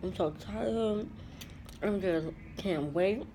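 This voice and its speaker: A woman's voice: medium pitch, slow, warm tone, a little hiss or hum. A young woman vlogger chatting casually while eating, talking with her mouth full. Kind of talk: casual mukbang chat. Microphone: phone.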